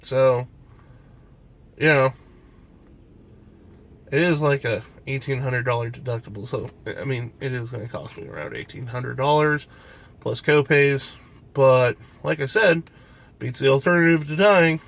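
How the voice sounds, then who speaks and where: A man's voice: mid-range voice, unhurried, vocal fry, pauses often, fairly bright tone. A young man with a stuffy nose, talking casually in a vlog and rambling with fillers and restarts. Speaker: vlogger.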